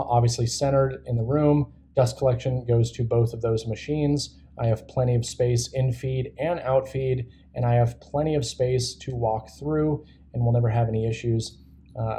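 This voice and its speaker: A man's voice: mid-range voice, mellow, slight background noise. A young man hosting a woodworking channel, casually talking through a design on screen and thinking aloud with fillers. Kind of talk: casual screen-share walkthrough.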